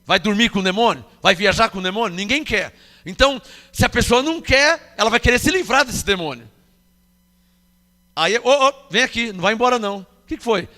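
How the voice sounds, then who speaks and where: A man's voice: high-pitched, animated, brisk, sharp tone, long reverb tail. A man with a Brazilian Portuguese accent preaching a sermon, emphatic, questioning the congregation and acting out quoted voices. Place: church hall.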